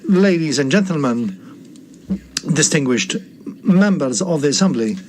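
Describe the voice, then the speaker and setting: A man from Algeria giving a formal podium speech as a national delegate, in halting, deliberate phrases. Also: on the high side, lively intonation, slight background noise. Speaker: national delegate addressing an assembly.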